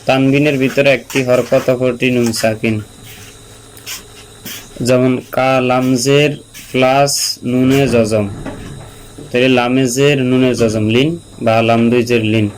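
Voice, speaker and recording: A man teaching Quran reading, spelling out syllables slowly and repeating them patiently for learners. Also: mid-range voice, rough recording. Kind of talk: slow spelled-out recitation lesson. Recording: steady mains hum behind the voice.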